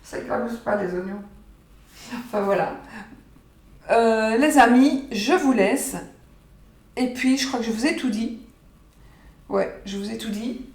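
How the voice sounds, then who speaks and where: Standing in her home kitchen, a woman psychic vlogger rambles through her oracle cards with many fillers and repeated points. Her slightly high, slightly mellow voice moves a little slowly, with long pauses. The audio has a roomy echo and distant mic placement.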